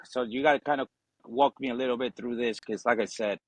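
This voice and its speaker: Here a man with a medium-pitched, steady voice speaks a little fast, recounting his story as a guest on a podcast. A Marine veteran from Ecuador whose first language is Spanish, he's in his 40s and keeps it loose, swearing and repeating "you know" and "obviously." No echo, but the recording is rough.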